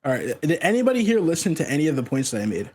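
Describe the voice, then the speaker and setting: Lively young man on a voice call. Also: fairly high pitch, rapid-fire, slightly rough. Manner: teasing, mocking. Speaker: debater. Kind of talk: casual online debate on a voice call.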